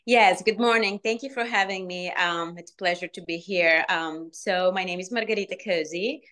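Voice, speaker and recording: Brief: guest alumna, forties, Bulgarian accent, low-ish voice, halting earnest delivery. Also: female voice, fairly bright tone. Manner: earnest, many "um" pauses. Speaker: alumna guest, restaurant manager. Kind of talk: interview answers.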